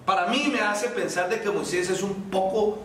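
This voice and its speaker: A man with a high voice preaches a sermon in a church hall. He acts out the lines he quotes and keeps putting questions to his listeners. The sound is strongly echoey and he stands far from the mic, with faint room noise behind him. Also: moderate pace, a crowd in the background.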